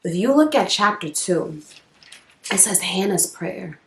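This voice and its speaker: A woman's voice: mid-range voice, expressive, measured pace, vocal fry, a little hiss or hum. A woman preaching a devotional message, emphatic and repeating her declarations for emphasis. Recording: echoey room.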